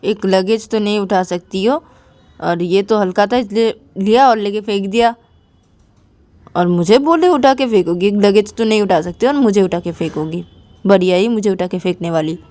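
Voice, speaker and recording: A woman's voice: medium pitch, normal speed, dark tone, close to an everyday voice. A woman voicing Ananya, a coaxing, teasing young woman, in a storybook romance.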